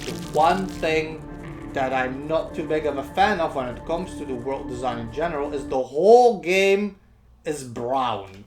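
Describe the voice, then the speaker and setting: A man giving informal, expressive, slangy commentary on a video game, mixing play with review remarks. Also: a little high, unhurried, over music.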